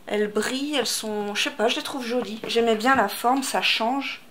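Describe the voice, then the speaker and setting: Casual woman vlogger chatting at home, lots of ums, kinda high voice, noisy recording. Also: moderate pace, a bit bright. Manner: chatty, hesitant with many fillers. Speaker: unboxing vlogger. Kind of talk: casual chat to camera. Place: room at home, indoors. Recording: echoey room with background noise.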